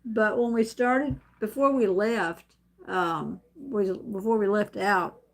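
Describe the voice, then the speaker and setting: A middle-aged woman live streams from home, a camera set up in front of her, telling a story in a slow, gravelly, mid-range voice. As a vlogger host she is rambling and chatty, frequently laughing and beginning her sentences again.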